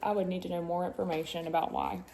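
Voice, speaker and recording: With huge swings in pitch and a fast pace, a mother with a lowish, mellow voice reads a picture book dramatically to her sons. She's theatrical and suspenseful, often drawing out words, and keeps adding chatty asides, with slight background noise.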